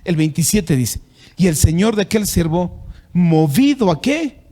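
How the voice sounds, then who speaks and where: A man's voice: big pitch swings, a little slow, warm tone. A man with a Bolivian Spanish accent preaching a sermon as pastor, reading scripture aloud and repeating words as he searches for phrasing. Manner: preaching with rising emphatic pitch when reading scripture.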